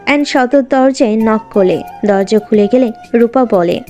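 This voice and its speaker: A woman narrating a romantic audio drama story in a steady storytelling voice. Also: fairly high pitch, unhurried, lo-fi sound, soft background music.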